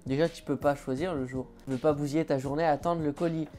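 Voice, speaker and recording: A man from France chats to his viewers from home in a loose, joking vlog. He sounds offhand and playful. Soft music plays faintly behind him. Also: on the high side, fairly even intonation, quick pace. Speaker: vlogger. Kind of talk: casual vlog chat. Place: at home indoors.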